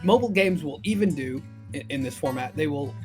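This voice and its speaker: Rambling, stammering man with a slightly high voice. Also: animated, brisk, a little mellow. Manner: rambling, stammering, swears casually. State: throat-clearing, a bit dry. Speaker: podcast co-host. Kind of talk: casual chat. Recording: faint intro music looping behind.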